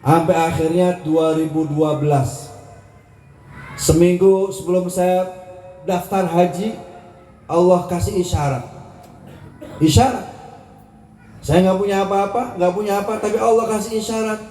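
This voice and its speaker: A man in his thirties preaches to a gathering, his voice fairly high and mellow. He tells his story with feeling and keeps turning to address the listeners. The room is echoey, with faint ambience behind him. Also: steady tone, unhurried, pauses often, faint music behind. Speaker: preacher at a hajj send-off gathering.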